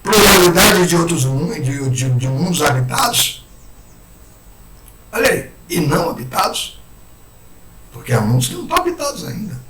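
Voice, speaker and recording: A man with a hoarse throat giving an animated spiritist lecture, acting out the words of imagined people. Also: on the high side, normal speed, pauses often. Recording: echoey room, far mic, loud noise.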